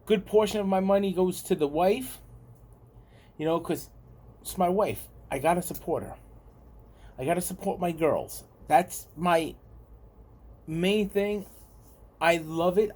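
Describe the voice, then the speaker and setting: Long pauses break up this vlogger's slightly slow speech, delivered in a high, darkish voice with a New York accent. The American rambles to camera, repeating himself as he chats with viewers.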